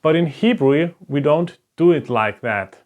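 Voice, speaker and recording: This Hebrew lesson at a board comes from a native German speaker with a German accent who explains patiently, one step at a time, checking in with "right?". His darkish-toned voice is a little high and expressive, and he speaks a little slowly.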